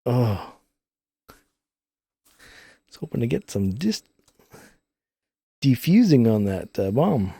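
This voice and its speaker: Male game streamer, casual and rambling, dark mellow tone, heavily compressed vocal, very dry studio sound. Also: medium pitch, sing-song, slow pace, creaky, pauses often, breathy edge, no room sound. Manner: rambling, explains technical details while playing. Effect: audio compressor on voice. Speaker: live-streaming gamer and host. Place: recording studio. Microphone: studio microphones through a multichannel input.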